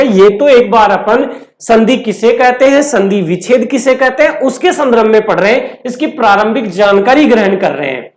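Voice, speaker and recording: A woman giving a grammar lesson at a very slow, deliberate pace, in a voice a little higher than most. She puts questions to her students and then answers them, repeating each key term. The room around her has a noticeable echo. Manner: asks the class questions and answers them herself; repeats key terms over and over. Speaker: Hindi grammar teacher.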